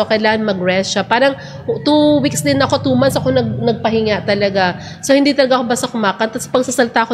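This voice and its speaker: A woman's voice: a little high, in a large hall, slight background noise. A woman hosting a casual religious talk, chatty and earnest, switching between Tagalog and English. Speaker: church program host.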